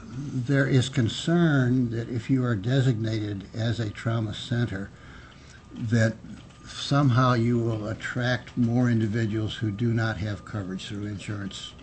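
A man giving formal legislative testimony in a measured, politician-like official manner, halting with frequent pauses. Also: medium pitch, a little mellow. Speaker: physician and state health official testifying. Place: indoor legislative committee room. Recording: noisy public hearing room audio.

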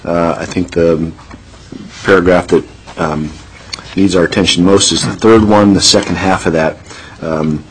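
Deep-voiced man chairing a hearing. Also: slight background noise, poor audio. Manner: plainspoken, with frequent ums. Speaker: committee chair. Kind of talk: legislative hearing.

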